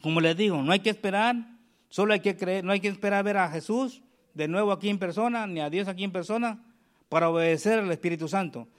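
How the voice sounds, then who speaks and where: A man preaching a sermon, reading scripture aloud slowly and calling the congregation for amens. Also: high-pitched.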